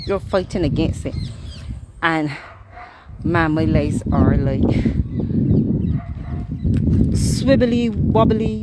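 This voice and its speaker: An upbeat fitness vlogger talks at an unhurried, deliberate pace while still catching their breath after a run. The voice sits at a middle pitch. It is recorded on a phone outdoors, and loud wind and outdoor noise run under the talk. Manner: upbeat, encouraging, slow and deliberate. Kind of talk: motivational vlog talk. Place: outdoors on a windy evening.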